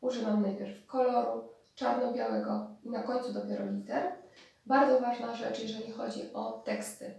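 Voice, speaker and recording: A woman explaining therapy methods in a spoken lecture, pausing and restarting as she thinks. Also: fairly high pitch, animated, vocal fry, mellow. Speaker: speech therapist. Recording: distant mic in very echoey room.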